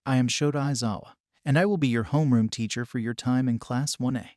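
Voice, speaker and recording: A man's voice: mid-range voice, fast, darkish tone, no room sound, natural voice. A synthetic male voice reading the part of a stern, tired male homeroom teacher, in a dry close recording.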